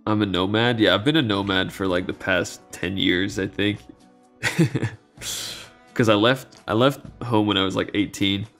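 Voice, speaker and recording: A man in his twenties from Belgium, chatting casually and rambling with fillers and soft laughs while streaming. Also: fairly low pitch, unhurried, soft background music. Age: 20s. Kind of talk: casual live-stream chat.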